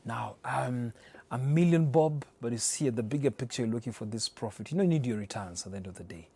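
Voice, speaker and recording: A man's voice: medium pitch, lively intonation, fast talker, creaky, dark tone, husky. Kenyan man hosting a conversational interview. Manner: chatty, interjects often with affirmations.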